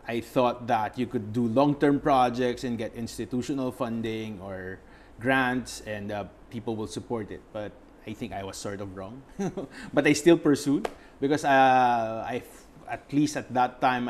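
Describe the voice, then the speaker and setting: Young man, slightly low pitch, reflective, hesitant, interview guest. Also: a little hiss or hum. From Philippines. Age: young adult. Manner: reflective, searching for words with many fillers. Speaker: guest photographer. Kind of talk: interview answers.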